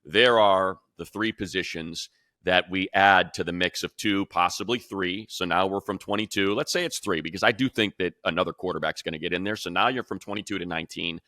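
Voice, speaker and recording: A man with a very low yet bright, forceful voice hosts a sports analysis show, talking fairly quickly. He's emphatic and conversational, reasoning out loud, and the sound is close and dry.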